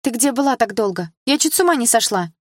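A woman's voice: on the high side, expressive, dry recording, clean studio sound, voice pushed up. A woman voicing an anxious, bossy young female friend who fires off worried questions and scolds. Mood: alarmed. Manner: agitated, scolding, fast questions.

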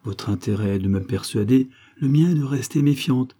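A man's voice: medium pitch, moderate pace, mellow, lightly acted. A man voicing a poised, ironic young foreign woman who teases her suitor. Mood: teasing. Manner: mocking, poised, teasing.

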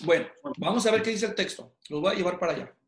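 Male Bible teacher, higher voice, explains step by step and quizzes the room; echoey hall. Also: quick pace, gravelly, fairly bright tone. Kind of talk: Bible study lecture.

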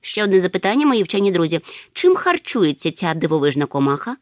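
A woman's voice: on the low side, sing-song, no room sound, studio quality. Woman doing a fussy, pompous storybook collector creature. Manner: mumbling, pompous, slow. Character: slow-witted fussy male insect collector creature.

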